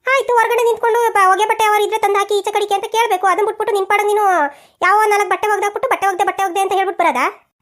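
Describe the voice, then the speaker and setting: A sharp-tongued old mother-in-law, as a woman voices her for a cartoon, nagging without pause. The voice sits very high and the words tumble out fast. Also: fairly even intonation. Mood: scolding. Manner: nagging, sarcastic scolding. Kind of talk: cartoon voice acting.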